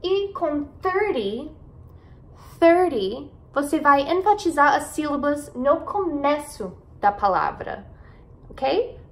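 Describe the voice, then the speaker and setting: A woman's voice: sits high, animated. An American woman whose first language is English, teaching an online pronunciation lesson. She draws out each model word and keeps checking in with "ok?" and "né?". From United States. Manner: slow, drawn-out model pronunciations with frequent "né?" and "ok?" checks.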